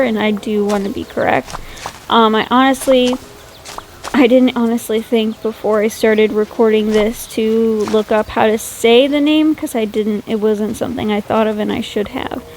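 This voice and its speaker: A gaming YouTuber chats casually over her gameplay late at night, sleepy and yawning, rambling and poking fun at herself. She gushes over cute animals. Her voice sits on the high side with a darkish tone, and the audio quality is poor.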